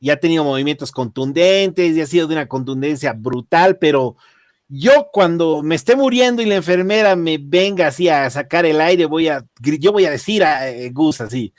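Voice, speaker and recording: A man with a Bolivian accent hosting a casual wrestling commentary, reviewing matches in a jokey, halting way. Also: on the high side, no echo, clean studio sound. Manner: animated, jokey, swearing, halting repetitions. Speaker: wrestling show host.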